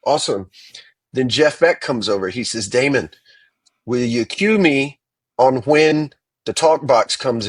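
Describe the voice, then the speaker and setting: A man, a guitarist, telling animated stories from his career in an interview, acting out the quoted dialogue. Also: mid-range voice, husky, no room sound. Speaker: guitarist guest. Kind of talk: storytelling interview.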